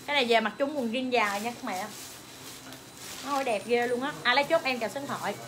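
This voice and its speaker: A young woman, hawking clothes on a livestream with rapid, excited calls to viewers and her staff. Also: a little high, background noise. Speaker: online clothing seller. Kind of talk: livestream sales pitch.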